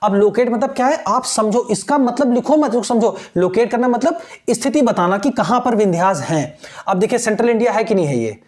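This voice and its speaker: Male exam-prep teacher; methodical, question-and-answer delivery, slow repeated keywords. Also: high-pitched, animated, a little mellow. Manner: explains step by step, asks and answers his own questions; reads English phrases slowly and repeats key words. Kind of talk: exam-prep language lesson.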